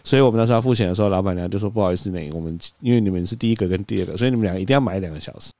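A man, co-hosting a podcast, telling a story in an animated way and acting out quoted lines. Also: low voice, rapid-fire, no room sound. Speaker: podcast co-host. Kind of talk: casual storytelling chat.

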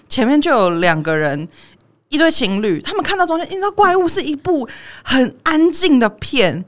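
A woman's voice: fairly high pitch, a bit bright. A young woman with a Taiwanese Mandarin accent, hosting a casual podcast chat, ranting heatedly and swearing freely. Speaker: podcast host.

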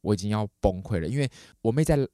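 Fast-talking man, storytelling. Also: dry recording, studio quality. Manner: animated, acts out quoted voices with big pitch jumps. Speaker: podcast host. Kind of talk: casual storytelling.

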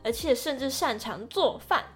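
Soft background music accompanies a high-sitting female voice at normal speed. She is a young adult co-host of a casual podcast with a Taiwanese Mandarin accent, telling personal stories with animation and acting out the quotes and her thoughts.

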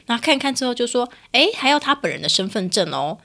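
Fast-talking Taiwanese Mandarin woman storyteller. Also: a little high, creaky. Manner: animated storyteller, voice rises sharply when reliving frustration. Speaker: podcast co-host. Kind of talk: casual storytelling chat.

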